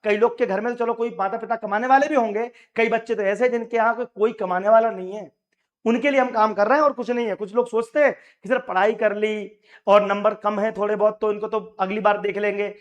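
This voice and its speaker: A man with a high, hoarse voice speaks straight to exam candidates. He is emphatic and rallying, and he repeats his key points to drive them home. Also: steady tone, fairly quick, lo-fi sound. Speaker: coaching teacher and union leader. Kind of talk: direct address to exam aspirants.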